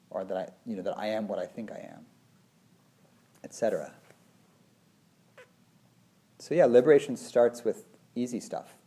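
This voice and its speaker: A man's voice: fairly low pitch, mellow. A man in his forties, a meditation teacher, talking in a thoughtful, meandering way, full of "you know" and "like". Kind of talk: casual conversation.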